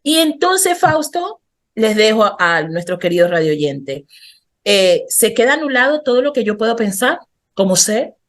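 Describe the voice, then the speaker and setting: A woman's voice: fairly high pitch, very animated, normal speed. Woman counselor guesting on a radio talk show, earnest, explaining things to the host, voice goes up and down a lot. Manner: earnest and instructive, often addresses the host by name.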